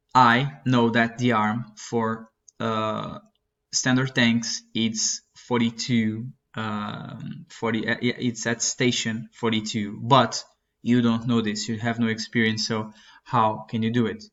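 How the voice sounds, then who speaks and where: A young man explains a flight-prep chart in a lesson, his voice flat and unvarying. He halts often, filling gaps and correcting himself as he goes. The recording is dull and lo-fi, captured on a desk mic at a computer. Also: mid-range voice. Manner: halting, many fillers and self-corrections. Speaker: flight instructor. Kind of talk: screen-recorded lesson walkthrough. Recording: dull lo-fi sound.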